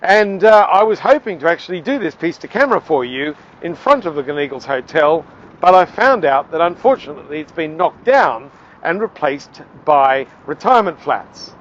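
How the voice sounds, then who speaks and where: A man presents to camera outdoors with a lively, swooping, fairly high voice and a playful touch, now and then pausing on fillers. The sound is a little dull, with faint traffic and street noise behind him. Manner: lively, playful delivery with some hesitant fillers. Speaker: presenter, communications trainer. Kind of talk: piece to camera. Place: outdoors at a seaside town.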